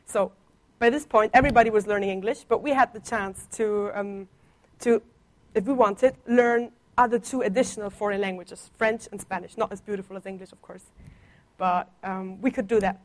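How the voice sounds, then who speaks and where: At normal speed and in a steady, medium-pitched voice, a visiting guest speaker on a church placement shares her personal testimony. The young woman is from Germany, speaks Italian and German natively, and mixes casual chat with teasing humor, coughing slightly.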